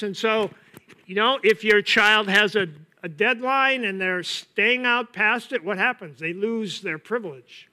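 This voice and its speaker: A man preaching a sermon in an earnest way, often asking the listeners questions and pausing to let a point land. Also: high voice, sharp tone. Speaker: pastor.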